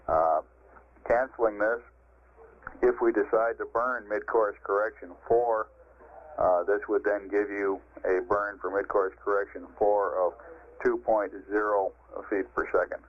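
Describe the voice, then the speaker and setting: An American man working as a mission control communicator, speaking in crisp procedural radio-check style over a band-limited vintage space radio link. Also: on the low side, steady tone, measured pace, narrow, tinny audio.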